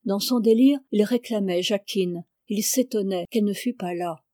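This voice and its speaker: Mellow woman reading a novel aloud. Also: medium pitch, moderate pace, no room sound, clean studio sound. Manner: calm, even, literary reading. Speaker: audiobook reader. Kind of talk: scripted narration of a novel.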